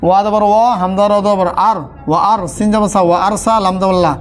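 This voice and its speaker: A man teaching a Quran spelling lesson, chanting letters and syllables slowly and repeating them in a steady drill. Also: sits high. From Bangladesh.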